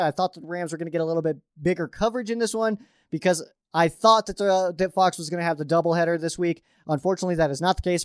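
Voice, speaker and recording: A man's voice: high voice, dry recording, clean studio sound. A man hosting a sports podcast, giving a casual game preview as an open fan, with lots of fillers and restarts. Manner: openly rooting for the team.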